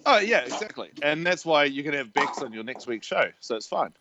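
A man's voice: on the high side, sing-song, fairly quick. Laughing kiwi man on lo-fi call. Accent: New Zealand. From New Zealand. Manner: laughs often, swears freely. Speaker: podcast co-host. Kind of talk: casual chat. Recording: dull lo-fi sound with faint noise.

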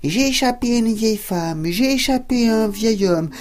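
A woman doing a shrill cheeky gingerbread man. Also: lively intonation, normal speed, darkish tone, close to an everyday voice. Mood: taunting. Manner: shrill taunting sing-song chant. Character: boastful little gingerbread man, cheeky runaway. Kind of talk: storybook reading for children.

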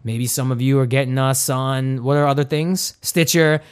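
A man's voice: medium pitch, steady tone, moderate pace, clear, resonant tone. A man in his thirties hosting a podcast, chatting casually and joking through upbeat ad reads. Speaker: podcast host.

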